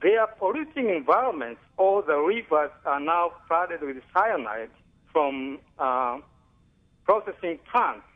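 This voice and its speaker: A man from Tanzania calls in to a radio show, his voice a little high and his delivery very slow and halting. The sound comes through a tinny, narrow phone line. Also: animated. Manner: earnest, halting with fillers. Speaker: caller. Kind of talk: phone-in call.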